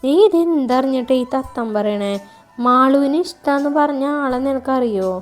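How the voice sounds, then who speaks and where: A woman voicing a gruff young man who distrusts women, speaking in a curt, scolding way. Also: high-pitched, normal speed, soft background music, close to an everyday voice.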